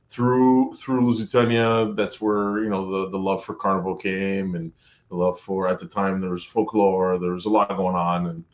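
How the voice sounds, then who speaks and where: Low-voiced man, rambling guest on dull audio. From Canada. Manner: rambling, many restarts and fillers. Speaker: podcast guest. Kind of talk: casual conversation. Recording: dull lo-fi sound.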